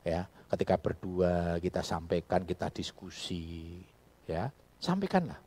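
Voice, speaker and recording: A male pastor preaching a sermon in an animated style, breaking into loud emphatic bursts. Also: low-pitched, unhurried, breathy edge. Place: church.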